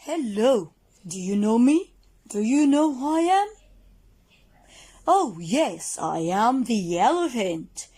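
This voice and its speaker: A woman's voice: on the high side, very animated, slow pace, long pauses, warm tone, exaggerated voice. A woman voicing a friendly big male elephant who greets children theatrically in a kids' lesson. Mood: cheerful, proud.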